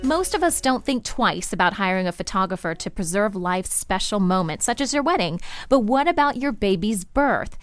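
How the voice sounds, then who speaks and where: A woman's voice: medium pitch, lively intonation, normal speed, few pauses, soft background music. A woman hosting a pregnancy podcast, introducing the show and its panelists in a chatty way. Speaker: podcast host.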